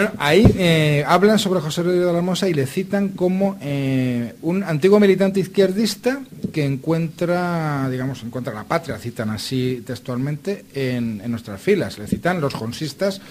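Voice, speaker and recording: A man from La Mancha, Spain, a radio panelist who talks haltingly and repeats words as he searches for them. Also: on the high side, a little hiss or hum.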